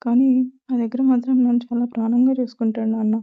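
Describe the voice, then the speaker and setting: A woman's voice: on the high side, flat delivery, fast talker, vocal fry. A woman voicing a timid, emotional young woman who speaks with tearful gratitude, on a tinny, phone-like recording. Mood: pleading. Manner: tearful, grateful pleading.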